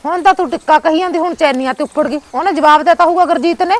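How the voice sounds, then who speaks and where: A woman playing a resentful, sharp-tongued niece in a village short drama, taunting and accusing with a Punjabi accent. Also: sits high, rapid-fire, lightly acted.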